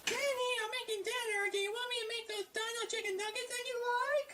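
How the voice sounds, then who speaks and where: Comic mom voice, shrill and rushed, shouting in as the host fakes it. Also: fairly even intonation. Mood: motherly. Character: nagging mother calling her son to dinner.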